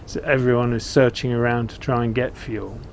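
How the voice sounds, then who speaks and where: An older man with an English accent talks to camera in an unhurried, chatty way. His voice is mid-pitched and plain-spoken. He is recorded outdoors, with some ambient noise around him. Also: flat delivery. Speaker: vlog host. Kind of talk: casual chat to camera, recounting a trip. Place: outdoors, seated beside a narrowboat.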